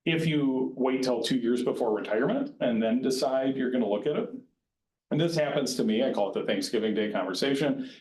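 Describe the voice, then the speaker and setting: A man's voice: mid-range voice, a little fast, a little mellow. A man advising county staff on retirement plans in a plain-spoken, conversational way. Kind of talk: informal educational presentation. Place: county board meeting room. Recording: roomy meeting-room echo.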